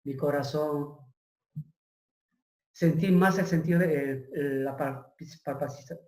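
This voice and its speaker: A middle-aged man telling a personal testimony as an interview guest, halting and searching for his words. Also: fairly high pitch, darkish tone. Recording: roomy echo.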